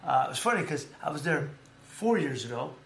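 A man's voice: on the high side, normal speed, gravelly, a little hiss or hum. Rambling man in an echoey room. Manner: rambling, animated storytelling with many fillers. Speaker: podcast host. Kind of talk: casual sports chat.

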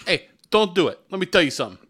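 A man imitating a loud Italian-American guy with an Italian-American accent, handing out stern warnings. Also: sits high, big pitch swings, fast, breathy edge, voice pushed up, heavily acted. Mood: mock-stern. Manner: mock-stern, emphatic.

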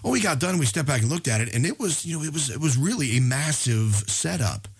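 A man hosting a show, telling a personal story and drawing a motivational lesson, earnest, often restarting his words and slowing down to stress key points. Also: fairly high pitch, expressive, breathy edge. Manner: earnest, frequent stammered restarts. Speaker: podcast host.

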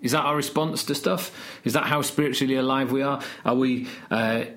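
A man's voice: medium pitch, steady tone, fairly quick, fairly bright tone. A man co-hosting a casual chat show, talking in a playful, joking way. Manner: playful, jokey storytelling. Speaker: podcast co-host.

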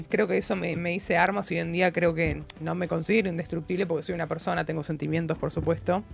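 A man's voice: high voice, vocal fry. A young man with an Argentine accent, gushing on a talk panel, with a voice he says sounds close to tears. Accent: Argentine Spanish. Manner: gushing, emphatic. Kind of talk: casual panel chat.

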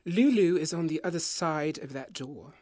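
Low-voiced, formal female gatekeeper. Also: animated, normal speed, dark tone, no echo. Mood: formal, guarded. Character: curt, formal gatekeeper at a mansion. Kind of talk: audio drama acting.

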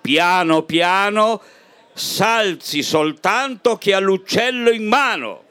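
A woman's voice: medium pitch, animated, slow, a bit bright, clear, resonant tone, pitched above the performer's own voice. A woman voicing a flustered old male parish priest who scolds his congregation from the pulpit in a recited comic poem. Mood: scolding.

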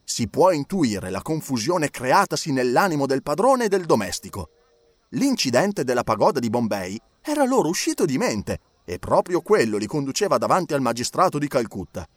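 A man narrating an audiobook in an expressive, lively reading style. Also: medium pitch, dry recording. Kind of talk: scripted narration.

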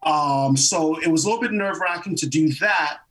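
A man's voice: a little high, a little fast, far from the mic, rough recording. A man, a guest actor telling stories in a casual interview and acting out quotes. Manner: animated storytelling, laughs often, acts out quotes.

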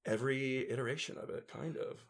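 A man's voice: medium pitch, brisk. A man in musical theatre, chatting casually as a guest and telling stories with lots of fillers and restarts. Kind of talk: casual storytelling chat.

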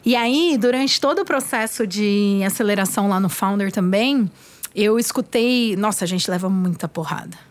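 A woman in casual podcast conversation, frank and quick to laugh, now and then swearing as she explains her company. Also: medium pitch. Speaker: guest, startup founder.

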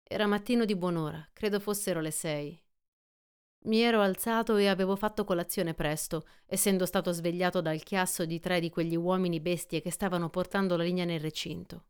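A woman narrates a classic novel in a measured, even storytelling voice of middle pitch. Her tone is smooth and clear throughout, steady and controlled as she carries the story forward. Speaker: audiobook reader. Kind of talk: scripted literary narration.

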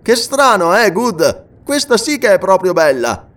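A man voicing a restless, adventurous English gentleman in an audiobook, talking in a lively, emphatic, raised voice. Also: a little high, normal speed. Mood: jovial. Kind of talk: audiobook character reading.

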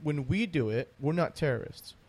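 A man's voice: fairly high pitch, animated, moderate pace, darkish tone. A man hosting a conversational interview, talking emphatically and repeating phrases to drive points home. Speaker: interview host.

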